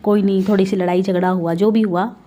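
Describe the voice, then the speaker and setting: A woman's voice: mid-range voice, fairly even intonation, a little fast, dark tone. A woman giving a spiritual testimony to a congregation, telling her story in a heartfelt, conversational way and often speaking to her listeners directly. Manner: conversational, with everyday Hindi-English mixing.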